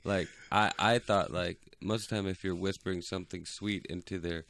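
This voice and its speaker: A man's voice: low-pitched, fairly even intonation, brisk, creaky, fairly bright tone. A young man co-hosting a casual podcast, laid-back and rambling, with a close mic and headphones on. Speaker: podcast co-host. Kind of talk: casual chat.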